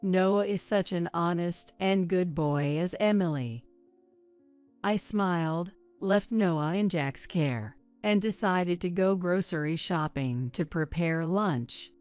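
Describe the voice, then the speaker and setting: Slow, smooth-voiced woman narrating. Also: lowish voice, darkish tone, faint music behind. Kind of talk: scripted story narration.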